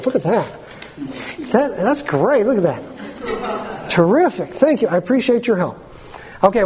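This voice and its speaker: A high-pitched male preacher gives a friendly, interactive sermon. He keeps checking in with his listeners and has them say lines back to him. On key phrases he drops to a slow, deliberate delivery. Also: a little mellow, poor audio. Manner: engaging, asks the congregation to repeat lines; slows down to stress key phrases. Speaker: pastor.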